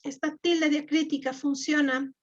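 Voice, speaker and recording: A woman's voice: sits high, level tone, unhurried. A woman, teaching a live online class and explaining step by step with fillers and repeated words. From Ecuador. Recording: dull lo-fi.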